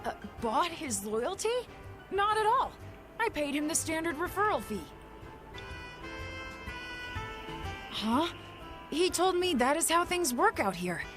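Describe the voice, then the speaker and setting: A man's voice: extremely high pitch, moderate pace, over music. An actor playing a courteous, mysterious young male magician in a game dub. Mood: polite. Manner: courteous, calm and formal. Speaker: game character.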